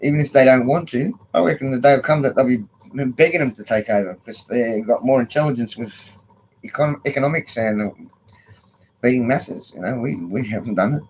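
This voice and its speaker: A man's voice: medium pitch, fairly quick, a little mellow, rough recording. An older Australian man with slurred speech from missing front teeth, rambling casually in a blunt, sweary, matey way. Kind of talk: casual rambling opinion vlog. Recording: noticeable background noise.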